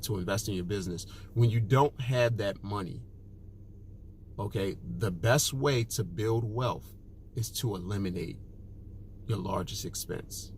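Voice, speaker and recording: A man's voice: mid-range voice, slight background noise. A man, a personal finance author, giving direct advice to the camera, emphatic and repeating his key points with frequent "okay" and "look".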